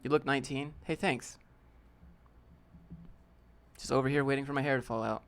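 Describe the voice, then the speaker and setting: Medium in pitch and fairly bright, this man's voice stays steady at a moderate pace. He's in his late twenties, sounds youthful, and runs a relaxed, jokey live Q&A where he reads viewer questions aloud.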